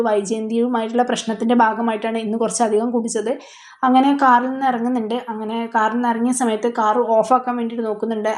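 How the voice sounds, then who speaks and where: A woman casually retelling a TV serial episode, chatty and quick to quote the characters' lines. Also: fairly high pitch, a little mellow. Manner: chatty, retells dialogue, frequent tag particles. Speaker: serial recap host.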